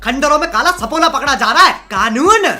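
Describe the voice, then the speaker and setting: A man's voice: very high-pitched, bright, forceful tone. A young man in his twenties doing crude, mocking roast commentary over video clips. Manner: mocking, crude, rapid-fire jokes. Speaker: comedy YouTuber reacting to clips.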